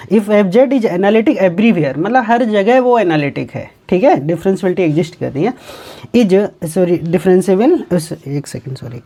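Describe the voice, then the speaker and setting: A man teaching mathematics in a recorded exam-prep lecture. He asks himself quick questions and answers them, repeats key points, and slows right down to read definitions word by word. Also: high-pitched, mellow. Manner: reads English definitions out slowly, word by word; repeats key points, often says "ठीक है".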